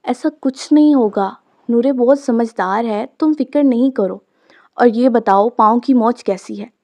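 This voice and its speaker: A woman reading the part of a caring female friend who calmly reassures in a storybook. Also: a little high, measured pace. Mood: soothing. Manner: soothing, reassuring.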